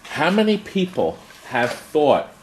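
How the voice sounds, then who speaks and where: A man's voice: fairly high pitch, wildly swooping pitch, slow, noisy background. A man hosting a casual walk-through tour video, chatty and rambling with jokey asides. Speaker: host giving a video tour of his arcade business. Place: indoors in an arcade game warehouse.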